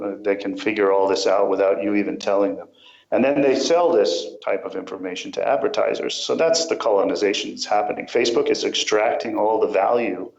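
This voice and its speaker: Low-voiced man on an echoey call. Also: a little mellow. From California. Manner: hesitant with many ums and restarts. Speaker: guest. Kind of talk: remote interview over a call. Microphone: call microphone. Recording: echoey, dull call audio.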